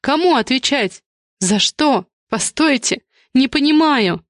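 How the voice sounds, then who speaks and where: A woman's voice: sits high, unhurried, dry recording, studio quality, pitched above the performer's own voice. A woman voicing a frantic middle-aged mother and manager, pleading and bewildered, near tears, in a raised voice.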